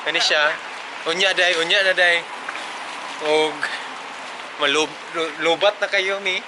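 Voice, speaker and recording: A man's voice: a little high, fairly even intonation, takes it slowly. A man vlogging casually with a handheld camera, joking and laughing often as he switches between languages indoors. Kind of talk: casual vlog chat. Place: indoors, busy house during wedding preparations. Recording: loud background noise.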